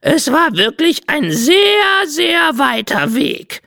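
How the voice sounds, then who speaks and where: A woman voicing a vain, theatrical female red bird messenger with a shrill, drawn-out voice in an audiobook. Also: big pitch swings, gravelly, pushed and bright, dry recording, studio quality, full character voice. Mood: whining. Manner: drawn-out, self-pitying. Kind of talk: audiobook character voice.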